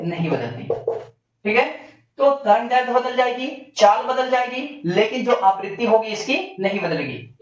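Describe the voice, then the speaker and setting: A male physics teacher giving a classroom lecture. He asks the class questions and answers them himself in a lower voice. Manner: addresses students as bhaiya and bachche. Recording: distant, echoey, dull classroom recording.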